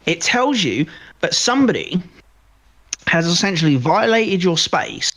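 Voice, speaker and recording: The recording is low quality, carrying a high-pitched, a bit bright male voice that is very animated yet unhurried. As a podcast co-host, he chats about movies with emphatic opinions and frequent repeated phrases.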